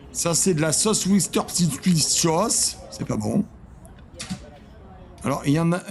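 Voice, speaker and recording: A man hosting a casual reaction commentary, sarcastic and self-mocking, often trailing off into quiet muttered asides. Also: a little high. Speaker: host reacting to cooking videos.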